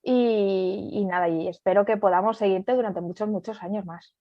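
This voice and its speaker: A woman's voice: mid-range voice, steady tone, moderate pace, dry recording. A woman from Spain with a Spanish accent, chatting as interviewer over a lo-fi online call.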